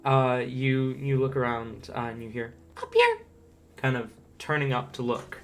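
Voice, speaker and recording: A game master improvising narration for a tabletop role-playing game, halting and thinking aloud. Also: mid-range voice, level tone. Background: faint guitar music.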